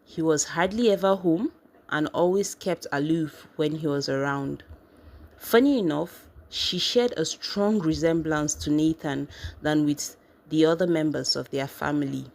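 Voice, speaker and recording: A woman narrating a family drama story in a steady, even reading voice. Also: sits low, measured pace, vocal fry.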